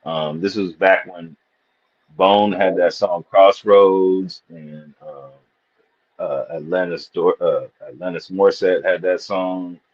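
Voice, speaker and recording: Taking it slowly, a man from Missouri with a low voice and fairly even intonation talks in a casual live panel chat. He rambles through stories in a loose, profane way over dull, lo-fi stream audio.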